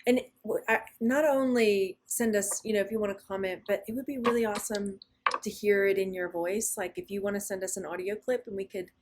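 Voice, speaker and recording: A woman co-hosting a casual spiritual podcast, telling stories animatedly and often pausing to search for words. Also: medium pitch, steady tone. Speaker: podcast co-host.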